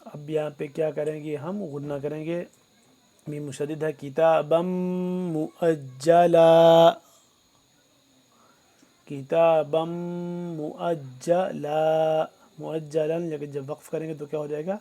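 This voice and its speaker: Guy teaching tajweed, kinda high but super dark tone, monotone, drags the verses out loud then rattles off the rules quietly. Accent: Pakistani Urdu. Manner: recites slowly and loudly, then explains rapidly and quietly with teaching questions. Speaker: Quran recitation teacher. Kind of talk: tajweed lesson, slow recitation alternating with quick explanation.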